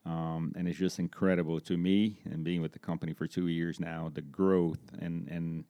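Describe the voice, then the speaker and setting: As an interview guest, a corporate safety executive from Brazil in his forties talks conversationally with a Brazilian accent, Portuguese being his native language. His deep, mellow voice is flat at a normal speed, and there's no echo.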